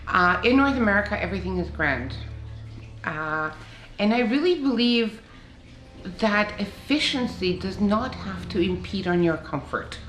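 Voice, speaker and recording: A woman's voice: medium pitch, lively intonation, measured pace, fairly bright tone. A woman from Latvia who presents energy products, speaking proudly and persuasively in a documentary interview, with occasional uhs. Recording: roomy, faint music behind.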